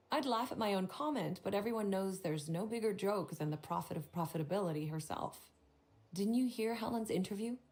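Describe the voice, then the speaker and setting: Prim, gossipy hotel desk clerk. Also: female voice, on the low side, darkish tone. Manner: formal, polite, then catty and gossipy. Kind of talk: video game voice acting.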